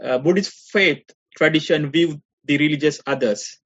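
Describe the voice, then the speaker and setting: A man's voice: fairly high pitch, normal speed, breathy edge. A man from Sri Lanka, a seminary student politely asking hesitant questions. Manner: polite, hesitant, many fillers. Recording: dull lo-fi audio.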